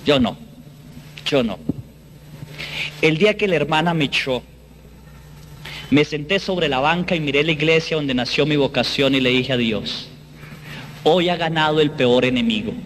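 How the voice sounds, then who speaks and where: High-voiced man telling a testimony. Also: a bit bright, a little hiss or hum. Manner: earnest, dramatic, slows down on key phrases. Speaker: speaker giving a personal faith testimony. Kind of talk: emotional first-person storytelling.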